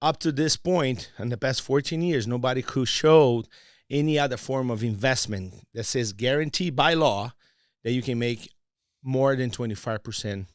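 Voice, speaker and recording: A man's voice: mid-range voice, normal speed, no room sound, clean studio sound. A man from Brazil, a Portuguese speaker with a Brazilian accent, talking as a podcast guest in a playful, persuasive way. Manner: playful and teasing, then earnest and persuasive. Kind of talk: casual podcast interview.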